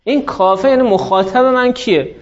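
A man with a high-pitched voice teaches a grammar lesson in a patient, explanatory way, pausing to draw out example words slowly. The recording sounds dull and lo-fi, with little top end.

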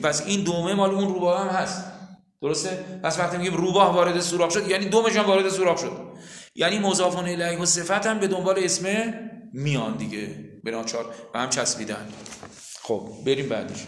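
A man's voice: on the high side, fairly bright tone. A man teaching a literature lesson in a classroom, who explains patiently, repeats key terms and quizzes his students. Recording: echoey classroom recording.

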